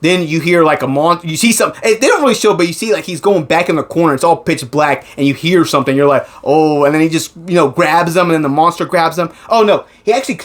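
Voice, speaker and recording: A man's voice: fairly high pitch, quick pace, hardly any pauses, fairly bright tone. A man casually recapping a movie plot, rambling, swearing often and laughing. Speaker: co-host.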